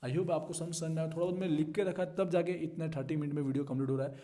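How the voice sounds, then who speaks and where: Male tutor, slightly high, mellow voice, patient step-by-step explaining. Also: rapid-fire. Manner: steady teacherly walkthrough, checks in with students. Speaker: commerce tutor. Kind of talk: explaining an accounting solution.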